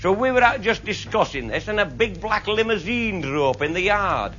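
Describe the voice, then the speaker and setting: Brief: earthy raconteur, high and animated, muffled hissy live tape. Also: male voice, moderate pace. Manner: broad, earthy, swears freely, voices the people in his tales. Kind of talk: comic storytelling to a live audience. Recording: muffled old live recording with audience laughter.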